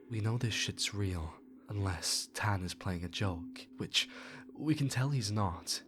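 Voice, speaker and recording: Man, horror story narration, deeper voice, very slow delivery, hushed in places. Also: noisy background.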